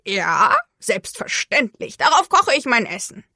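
A woman's voice: a little high, big pitch swings, unhurried, creaky, pushed and bright, no room sound, clean studio sound, heavily acted. A woman voicing a grumpy, vain male crow in a storybook, with curt, self-important replies. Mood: gruff.

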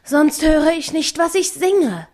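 A woman voicing a commanding robber's wife in labor in a storybook reading, sharp and bossy. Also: high-pitched, lively intonation, takes it slowly, pitched above the performer's own voice. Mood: irritated. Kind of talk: audiobook reading.

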